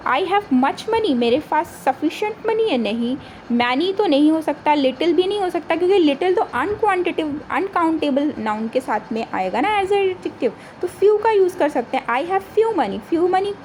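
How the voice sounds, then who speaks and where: Woman, grammar teacher for exam prep, high voice, faint background noise; asks then answers her own questions. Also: animated, a little mellow, rough recording. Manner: reads example sentences slowly.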